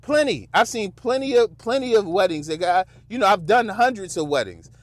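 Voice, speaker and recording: High-voiced man preaching casually. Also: animated, moderate pace, dry recording. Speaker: podcast host. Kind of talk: motivational monologue to men.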